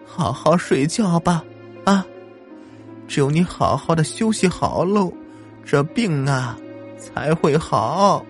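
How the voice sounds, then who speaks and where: A man voicing a gentle elderly woman doctor who soothes and lectures softly in an audio story. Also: medium pitch, lively intonation, soft background music, pitched above the performer's own voice, natural voice. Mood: soothing. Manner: soft, soothing, drawn-out lecturing.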